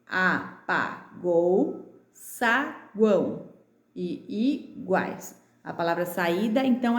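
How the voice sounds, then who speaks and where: A Brazilian primary school teacher with a São Paulo accent, patiently walking young pupils through a remote lesson and stretching out syllables. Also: female voice, medium pitch, darkish tone. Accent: Brazilian Portuguese, São Paulo state. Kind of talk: remote lesson walkthrough for children. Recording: roomy echo.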